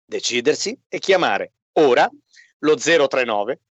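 A man giving an insistent infomercial sales pitch on radio as a company spokesman, repeating his phrases. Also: animated, a little slow, husky, dry recording, muffled recording. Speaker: company spokesman selling a product.

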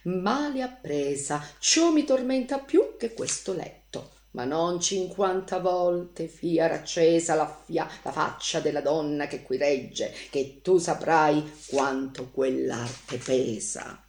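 A woman reading the lines of a proud, scornful old male warrior shade in a haughty, measured declamation. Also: sits low, a little mellow, reverberant.

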